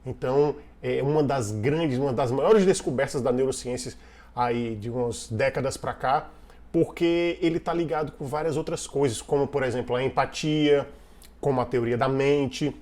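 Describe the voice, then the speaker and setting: A man's voice: medium pitch, normal speed, a little mellow. A man coaching the viewer on team communication in a casual online lesson, talking conversationally, repeating and restarting phrases, and asking the listener questions.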